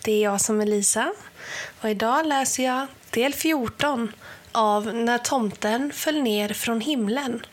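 Woman reading a children's story. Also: on the high side. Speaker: reader of children's stories.

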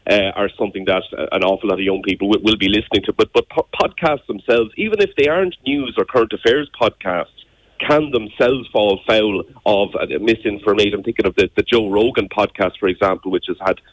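A young man from Ireland speaks in a Wexford accent, quick and fairly low in pitch. He is a chatty interview guest who piles up words and doubles back on them, recorded close and dry. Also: steady tone, no echo, poor audio. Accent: Irish, Wexford. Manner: chatty, wordy, repeats words as he thinks aloud. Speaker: radio interview guest, journalist and presenter. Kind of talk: conversational radio interview.

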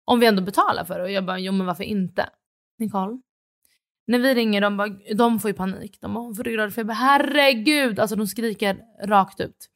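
A woman in her thirties co-hosting a podcast, telling a story in casual chat, acting out what others said and swearing freely. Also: medium pitch. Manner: animated retelling, acts out dialogue, swears casually. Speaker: podcast co-host.

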